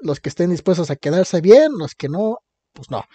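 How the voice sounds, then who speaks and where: A man with a Mexican Spanish accent hosts a podcast, casually recapping a comic's plot with slang and frequent laughter. His high, expressive voice is mellow and husky, moving at a moderate pace. There is no room sound in the recording.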